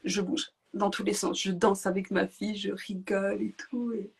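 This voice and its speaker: Woman telling her own story on a podcast, lively, laughs a lot, voice wobbles sometimes. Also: mid-range voice, moderate pace, gravelly, husky. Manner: lively, laughs often between phrases. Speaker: podcast guest. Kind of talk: personal storytelling.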